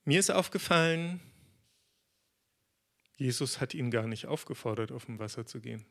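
A man preaching a sermon in a conversational, lively way, acting out quotes as he tells the story. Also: mid-range voice, moderate pace, creaky.

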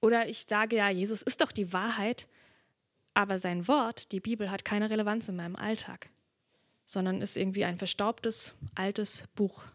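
A woman's voice: mid-range voice, steady tone, normal speed, no echo, clean studio sound. A woman preaching a sermon in a reflective, earnest way, reading from the Bible. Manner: earnest, reflective, drops to a whisper at moments.

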